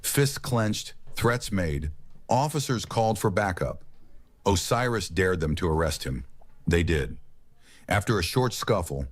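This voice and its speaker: Male narrator, very deep voice, dry and terse scripted telling. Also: expressive, a little slow. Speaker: narrator of the clip.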